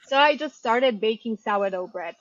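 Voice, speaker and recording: A woman in her thirties who grew up in Poland tells her story in a relaxed interview, chatty and unhurried. Her voice sits at an ordinary pitch. The sound is dry and a little dull, as if recorded close in a dead room. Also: no room sound. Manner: chatty, warm storytelling with frequent ums and light laughs. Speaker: bakery owner and head baker, guest. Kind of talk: casual interview answers.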